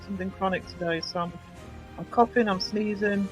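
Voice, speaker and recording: Her voice sits in the mid range, fairly quick and fairly even in intonation, as she hosts a chatty live stream from a desk mic. She greets chat by name, restarts sentences and leans on fillers, coughing through hay fever with a failing voice. Faintly in the background runs a quiet tune she made herself.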